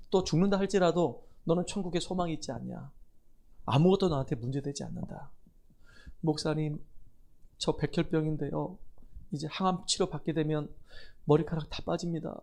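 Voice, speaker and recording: A man's voice: fairly high pitch, dark tone. A middle-aged man preaching a sermon in church, telling stories, acting out dialogue and building to emphatic appeals to the congregation. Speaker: pastor. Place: church sanctuary.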